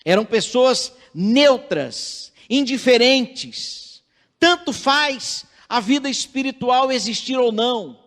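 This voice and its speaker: A man with a Brazilian Portuguese accent preaching a sermon in a measured, earnest way, reading scripture aloud. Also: extremely high pitch, animated, a bit bright. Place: church sanctuary. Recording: church livestream with long hall reverb.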